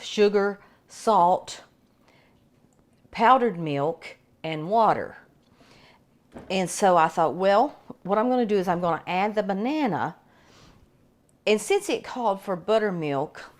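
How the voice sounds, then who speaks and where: A middle-aged woman casually demonstrating a bread machine recipe at home, chatty and rambling with frequent restarts. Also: fairly low pitch.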